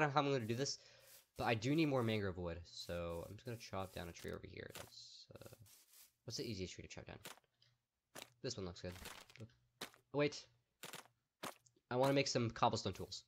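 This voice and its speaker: Worn out and strained after talking all day, a young man's medium-pitched, slightly bright voice carries his upbeat, casual gameplay commentary as a YouTuber, full of fillers as he thinks aloud. There's slight background noise.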